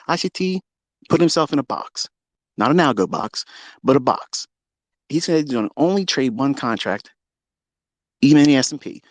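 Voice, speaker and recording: On a live audio call, a man plays trading mentor and rants in a combative way, bragging, cursing constantly, and mocking those who challenge him. He alternates between loud jabs and quiet asides, and the recording has no room sound.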